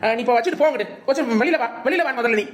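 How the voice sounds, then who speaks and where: A woman voicing a patient, calm young village man in a cartoon, reasoning with the others. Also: on the high side, racing, lightly acted. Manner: reasoning and soothing.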